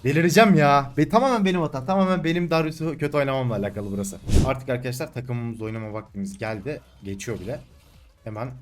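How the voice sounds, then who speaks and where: A young man casually commentating his own gameplay, taunting and yelling at the screen, then calming down to explain his moves. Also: mid-range voice, quick pace, faint music behind. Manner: excitable, shouts and taunts at the game, swings between calm and loud.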